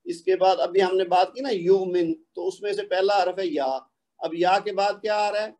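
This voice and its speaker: Patient Pakistani male tutor, fairly high and mellow, explains and then slowly recites examples for students to repeat. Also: fairly even intonation. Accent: Pakistani Urdu. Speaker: Quran recitation teacher. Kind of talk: online tajweed lesson.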